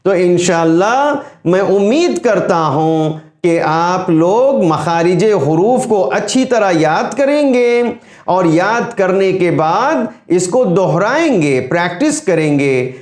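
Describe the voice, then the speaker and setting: A man with a high voice gives a tajweed pronunciation lesson in Urdu-accented speech. He demonstrates letter sounds slowly and deliberately, with a roomy echo around him. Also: big pitch swings, a little mellow. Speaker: Quran teacher. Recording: echoey room.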